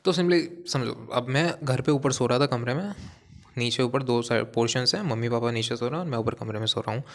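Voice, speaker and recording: A young man with a hoarse voice, a vlogger delivering a heated, preachy monologue straight to his viewers. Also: medium pitch, fairly quick. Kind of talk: ranting monologue to camera.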